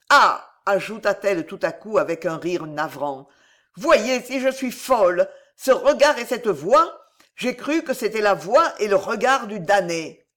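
An audiobook reader voicing a mad old bohemian woman who cries out in shrill, raving tones. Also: fairly bright tone. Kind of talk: audiobook character voice.

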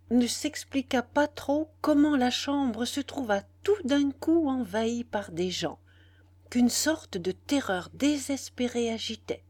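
A woman's voice: mid-range voice, darkish tone, dry recording. A woman narrating a novel solemnly, often sinking into a whisper. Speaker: audiobook narrator.

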